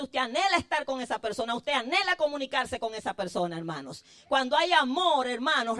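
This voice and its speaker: A woman's voice: high-pitched, a bit bright. A woman preaching a sermon with fervent, rising and falling emphasis, calling her listeners brothers.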